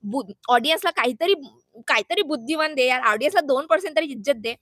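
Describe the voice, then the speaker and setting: High-voiced sarcastic woman vlogger. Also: expressive, quick pace, fairly bright tone, dry recording, clean studio sound. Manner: sarcastic and indignant, scolding; mixes in English and Hindi words. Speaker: vlogger commenting on a reality show. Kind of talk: opinionated reaction vlog.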